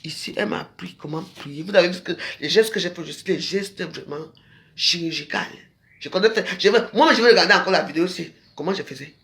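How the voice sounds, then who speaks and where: Preachy woman ranting on stream. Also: fast. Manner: repetitive, preachy, swings between low murmurs and loud high outbursts. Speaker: live-stream host. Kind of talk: ranting live-stream monologue to viewers.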